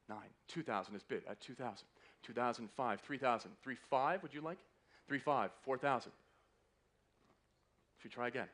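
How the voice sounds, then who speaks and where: A man with a mid-range, slightly bright voice works as a fine art auctioneer, calling a live sale in a hotel auction room. His patter is polite and courteous, and he keeps repeating the bids.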